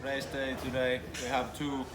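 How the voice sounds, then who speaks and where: A man's voice: medium pitch, completely flat delivery, moderate pace. A man speaking simple English, giving an informal update as a racing driver. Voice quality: non-native English with simple phrasing. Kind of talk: informal race weekend update to camera. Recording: noisy outdoor racetrack paddock.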